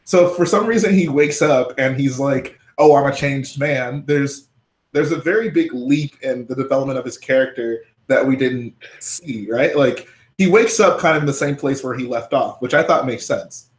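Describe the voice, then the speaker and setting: A man's voice: medium pitch, normal speed. A man hosting a live stream, casually talking through his points and questioning his guest. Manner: questioning, talks things through. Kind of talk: casual chat. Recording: roomy room echo.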